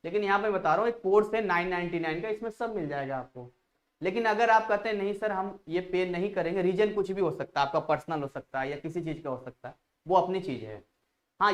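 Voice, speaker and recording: A man's voice: sits high, fast. A man teaching a live online physics class, chatty and repetitive, drifting off into side stories before returning to the lesson. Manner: chatty, digresses, repeats phrases to drill a point.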